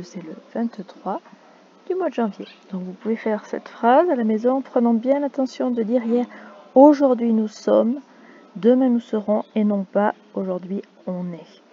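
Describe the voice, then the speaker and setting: A woman leads a lesson for small children, stretching each word out slowly and with care. Her voice is warm and dark with a gravelly grain. The recording is dull and lo-fi, with faint noise behind her. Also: medium pitch. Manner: slow and deliberate, stretching key words, spelling out syllables. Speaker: teacher. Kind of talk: slow classroom instruction for young children.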